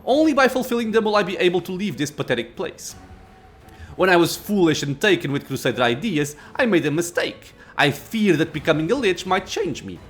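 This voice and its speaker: Guy doing an ancient undead lich king for a fantasy game, haughty n impatient, formal talk, really animated pitch, faint music. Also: a little fast. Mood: proud, impatient. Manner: imperious, archaic formal speech. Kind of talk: acted reading of fantasy game dialogue.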